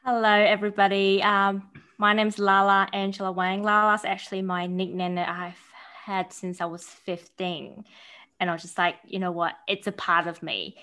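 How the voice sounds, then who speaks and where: A woman in her thirties from Taiwan with an Australian-tinged accent, chatting as a podcast guest in a bubbly, animated way. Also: medium pitch, normal speed, clean tone. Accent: New Zealand and Australian. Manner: bubbly and animated, acting out quoted voices. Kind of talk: casual interview chat.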